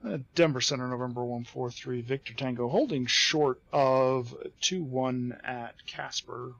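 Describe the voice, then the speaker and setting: A man's voice: mid-range voice, unhurried, fairly bright tone, no echo, dull audio. A man speaking as a pilot into a cockpit headset, making clipped, businesslike radio calls to air traffic control. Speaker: flight simulator streamer acting as pilot. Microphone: headset mic.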